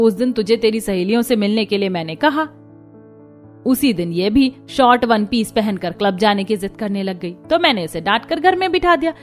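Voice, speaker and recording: Woman playing a strict, caring cartoon mother-in-law. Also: on the high side. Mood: calm. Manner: scolding, firm.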